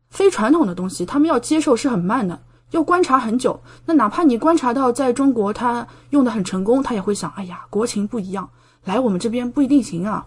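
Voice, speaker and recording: Her voice sits on the high side, a little mellow and slightly rough. This talkative podcast guest, a Chinese woman doing a medical doctorate in Japan, explains things casually and in detail, reaching often for examples.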